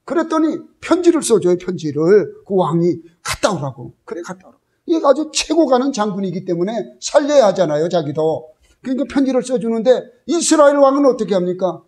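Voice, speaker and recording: Middle-aged pastor guy preaching, kinda high voice, tells the story and does the lines of the people in it. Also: sing-song, brisk, darkish tone. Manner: storytelling, acting out quoted voices. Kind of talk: sermon.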